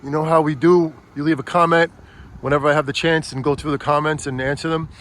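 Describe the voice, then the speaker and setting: A man's voice: a little high, fairly even intonation, fast, a bit bright. Rambling middle-aged man vlogging. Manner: rambling, many restarts and fillers. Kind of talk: casual vlog talk. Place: in and around a truck.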